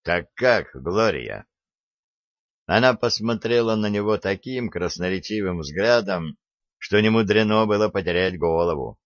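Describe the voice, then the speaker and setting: Male audiobook narrator, very low and unhurried, dull lo-fi recording. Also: no echo. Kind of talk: audiobook reading of a crime novel.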